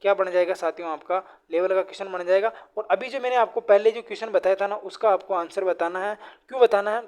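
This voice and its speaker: High-voiced male grammar teacher. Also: fast talker, a little mellow, clean tone. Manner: repeats questions to the class, constantly addressing students as friends; drills correct and incorrect word forms. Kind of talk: online exam-prep lesson.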